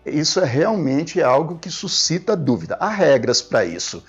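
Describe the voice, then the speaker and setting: A man's voice: a little high, sing-song, normal speed, husky. Man, teacher explaining spelling rules, repeats points, muffled lo-fi sound, faint music behind. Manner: didactic, repeats key points with frequent "né?". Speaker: Portuguese language teacher. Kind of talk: classroom grammar lesson at a board.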